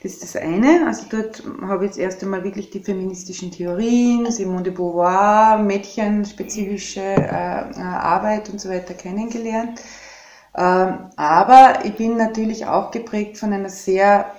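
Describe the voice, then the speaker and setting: A woman's voice: mid-range voice, steady tone, a little mellow, echoey room, lo-fi sound. Reflective Austrian woman in her fifties. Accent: Austrian German. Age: 50s. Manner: reflective, measured, thinks aloud. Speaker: podcast guest, activist. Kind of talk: podcast conversation.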